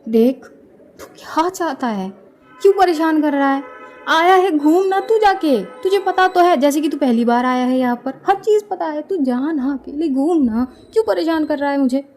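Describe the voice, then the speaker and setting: A woman voicing an irritated, quick-tempered young woman who complains loudly. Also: sits high, expressive, faint music behind, pitched above the performer's own voice. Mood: annoyed. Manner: exasperated, shouting complaints.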